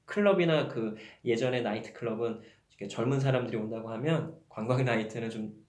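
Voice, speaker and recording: A man's voice: mid-range voice, fairly quick, darkish tone. A man preaching a sermon as pastor, telling a candid personal story and rising into emphatic questions. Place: church sanctuary. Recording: roomy church echo.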